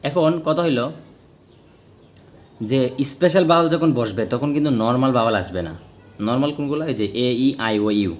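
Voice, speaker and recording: A man's voice: mid-range voice, animated, fairly quick, long pauses, faint music behind. A man teaching English grammar, explaining step by step and answering his own questions. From Bangladesh. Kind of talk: spoken grammar lesson.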